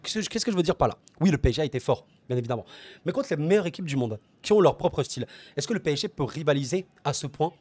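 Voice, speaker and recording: Passionate man with a fairly high voice. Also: expressive, fast talker, a little mellow. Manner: passionate, talks straight to viewers as friends; repeats words and restarts phrases while thinking aloud. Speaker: football channel host. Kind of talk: solo football match debrief.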